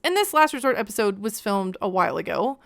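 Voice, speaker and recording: A woman's voice: medium pitch, big pitch swings, fast, vocal fry, a bit bright, faint music behind. A woman host giving casual, chatty, gossipy commentary on reality TV with a wry edge.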